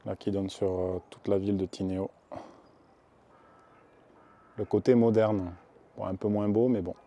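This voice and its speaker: A man's voice: lowish voice, steady tone, a little slow, warm tone. A man talking casually to camera in a travel vlog, upbeat and thinking aloud as he walks around town and eats on a terrace. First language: French. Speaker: vlogger. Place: outdoors in a small town, street and terrace.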